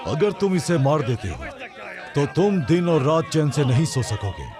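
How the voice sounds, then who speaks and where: A man dubbing a shrewd, commanding elder who speaks in a forceful, warning tone. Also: a little high, big pitch swings, moderate pace, over music. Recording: film score and crowd behind.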